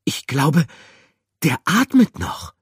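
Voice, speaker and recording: A man's voice: medium pitch, wildly swooping pitch, measured pace, mellow, breathy edge, no echo, clean studio sound, pitched above the performer's own voice, heavily acted. A man voicing a caring, decisive female mouse in a storybook reading. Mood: relieved.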